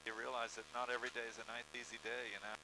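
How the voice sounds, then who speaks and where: A student pilot talks casually and murmurs checklist steps to himself in clipped phrases over the intercom of a small aircraft. His medium-pitched voice is monotone and very fast. The humming cockpit intercom carries engine noise.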